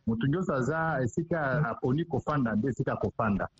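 A provincial official from the Democratic Republic of the Congo gives an explanatory news interview, switching between Lingala and French with a Congolese accent. His medium-pitched, husky voice is brisk with lively intonation. The recording is dry but muffled, a dull lo-fi line.

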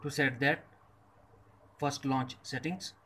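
In a scripted tech tutorial, a male presenter with a mid-pitched voice speaks slowly, laying out instructions one step at a time in short, separate phrases. His tone stays steady and a bit bright, with slight background noise.

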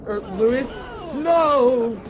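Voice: mid-range voice, expressive, very slow, some chatter behind. A gamer chatting playfully and goofily during a co-op game. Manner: playful, goofy, squeals. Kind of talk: casual co-op gameplay chat.

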